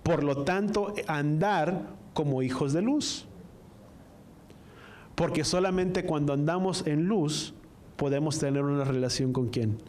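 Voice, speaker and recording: A man preaching a sermon to a congregation, reading scripture slowly line by line and asking the listeners to repeat after him. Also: fairly high pitch, a little mellow, slight background noise. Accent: Spanish-speaking, from the US-Mexico border. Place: church service, also streamed online.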